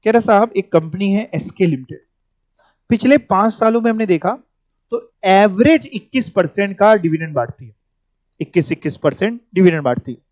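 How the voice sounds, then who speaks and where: A man teaching finance in a high voice. He repeats key words and keeps asking his students to follow along. The recording is dry and a little muffled. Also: lively intonation, fairly quick, darkish tone, no room sound. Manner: explains step by step, repeating words and prompting students. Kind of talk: classroom lecture.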